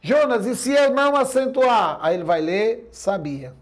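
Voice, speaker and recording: A man's voice: extremely high pitch, animated, moderate pace. A male Portuguese grammar teacher giving a classroom lecture in a Brazilian accent, explaining step by step and often checking that his listeners follow.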